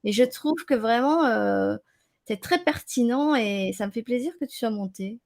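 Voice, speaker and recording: A woman hosting a casual open-line radio show, speaking haltingly and repeating words as she searches for them. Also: on the high side, vocal fry, a little mellow. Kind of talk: casual live chat.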